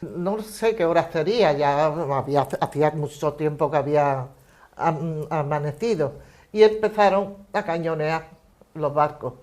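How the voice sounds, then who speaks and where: An elderly woman giving documentary testimony, telling a long personal story in a steady, measured way. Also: deep voice. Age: 80s or older.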